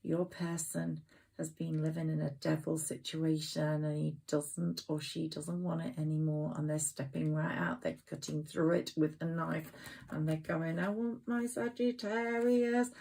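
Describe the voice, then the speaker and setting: Female tarot reader, slow even delivery, gushing and sentimental. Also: low voice, creaky, rough recording. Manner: effusive, rambling, sentimental. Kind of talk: tarot card reading to camera.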